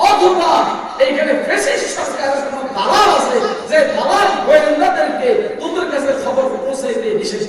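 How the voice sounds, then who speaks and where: Fiery older preacher, high voice. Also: male voice. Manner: fiery, rhetorical, repeatedly challenging the crowd. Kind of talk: sermon. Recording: echoey hall, voice from far off.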